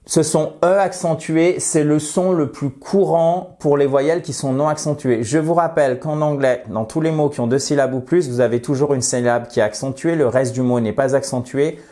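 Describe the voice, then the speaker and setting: A French-speaking man teaching an English grammar lesson, slowly and emphatically repeating example words with playful asides. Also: a little high, warm tone. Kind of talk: lesson explaining grammar and pronunciation.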